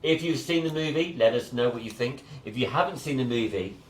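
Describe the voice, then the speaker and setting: A man's voice: mid-range voice, animated, a little fast, roomy sound, a little hiss or hum. A man with a Scottish accent co-hosting a casual film podcast, talking enthusiastically and rambling through restarts. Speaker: podcast co-host. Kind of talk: casual chat about films.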